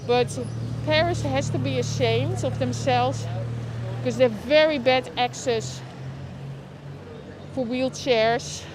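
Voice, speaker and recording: Speaking in a high, unhurried voice, a Dutch-accented livestream host gives casual commentary as she walks outdoors. She chats, reacts aloud, and talks straight to viewers by name. Traffic and street noise come through clearly around her on the lapel mic.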